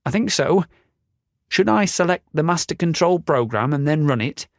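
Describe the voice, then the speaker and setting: A man voicing an excitable young boy apprentice in an audiobook, with eager, breathless exclamations. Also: on the high side, moderate pace, gravelly, no echo, studio quality, pitched above the performer's own voice. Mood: excited. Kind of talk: audiobook character voice.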